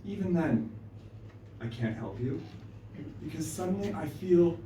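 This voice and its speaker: A man's voice: a little high, big pitch swings, unhurried, dark tone, a little hiss or hum, voice pushed up. A man voicing a sleepy, amused mighty female bear in a told story, speaking in a drowsy, condescending way. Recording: roomy live stage, distant mic.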